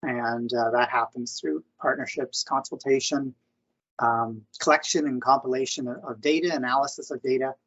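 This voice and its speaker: A man presents over a muffled, lo-fi video call, his voice gravelly and husky. He talks in a hesitant way, full of ums and restarts. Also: medium pitch, steady tone, normal speed, fairly bright tone. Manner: hesitant, many fillers and restarts. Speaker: government conservation presenter. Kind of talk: online information session presentation. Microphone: computer mic on video call.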